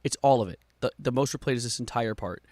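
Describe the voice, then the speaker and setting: Exasperated and sarcastic, a man grumbles through live stream reaction commentary, sometimes muttering and sometimes breaking into louder outbursts. He speaks quickly in a mid-range voice.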